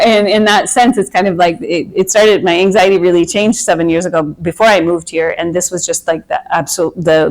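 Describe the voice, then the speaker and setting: A woman in her fifties from Minnesota with a Minnesota accent, hosting a casual group talk about anxiety and speaking earnestly in long rambling runs full of restarts. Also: on the low side. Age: 50s. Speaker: anxiety workshop host.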